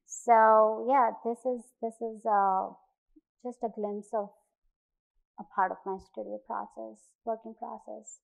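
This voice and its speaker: A woman from India, an artist, giving a thoughtful talk about her work, pausing often with fillers and restarts. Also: a little high, little pitch movement, vocal fry, rough recording.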